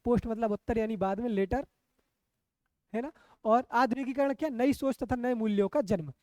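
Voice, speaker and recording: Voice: mid-range voice, moderate pace, a little mellow, dry recording. A coaching teacher giving an exam-prep lecture, often asking the class rhetorical questions, checking that they follow and repeating key terms.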